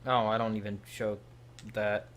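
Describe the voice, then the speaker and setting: A man's voice: lowish voice, little pitch movement, normal speed, fairly bright tone. Young man casually hosting a live stream. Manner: chatty, talks straight to viewers by name.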